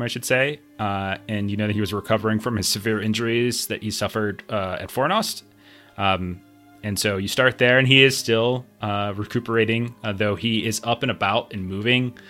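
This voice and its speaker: A man's voice: on the low side, normal speed, bright, forceful tone, faint music behind. A man working as game master, narrating a tabletop game in a casual, improvising, conversational manner.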